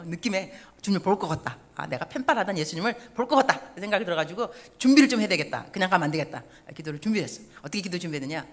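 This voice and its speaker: 50대 여성 선교사가 교회 예배에서 농담을 섞어 가며 유쾌하게 설교한다. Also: female voice, on the low side. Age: 50s. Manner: lively, joking and self-mocking. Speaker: missionary preacher. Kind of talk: sermon. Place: church service.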